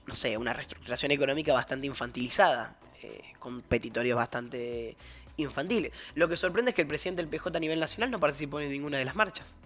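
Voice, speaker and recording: A man's voice: mid-range voice, quick pace, fairly bright tone. A man with an Argentine accent, a guest analyst explaining politics in casual discussion, often restarting and correcting himself.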